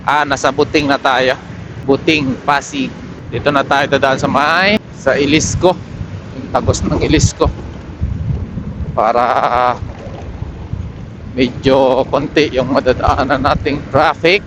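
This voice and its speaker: Speaking at a measured pace with long pauses, a man with a mid-range voice and fairly even intonation chats casually as he rides a motorcycle on city streets. His unscripted vlog commentary goes through a helmet intercom mic, with vehicles and outdoor noise clearly audible.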